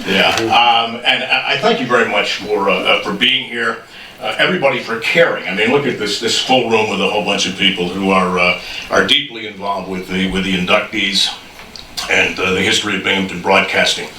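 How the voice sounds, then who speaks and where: A man gives an informal thank-you speech in a deep, low voice. He speaks haltingly and self-deprecatingly. The recording is distant, echoey and noisy. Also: steady tone, sharp tone. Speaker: honoree giving acceptance speech. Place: full room at an induction ceremony.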